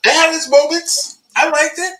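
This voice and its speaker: A man's voice: extremely high pitch, steady tone, normal speed, over a noisy crowd. A man chatting casually as a podcast co-host, his voice coming through a tinny, metallic-sounding remote mic. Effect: tinny, tin-can sounding mic. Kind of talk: casual chat.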